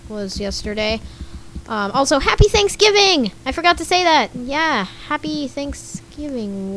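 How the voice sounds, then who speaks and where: Pitched on the high side with a fairly bright, slightly scratchy tone, this young woman offers giggly, casual gameplay commentary as a gaming YouTuber. She's chatty, reading game chat aloud and reacting to what's on screen.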